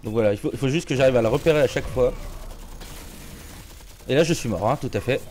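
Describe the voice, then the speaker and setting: A man's voice: medium pitch, quick pace, darkish tone, slight background noise. Joking streamer man with a sore throat. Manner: joking, chatty, many restarts and fillers. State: slightly sore throat, clears throat. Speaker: game streamer. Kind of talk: casual live gameplay commentary.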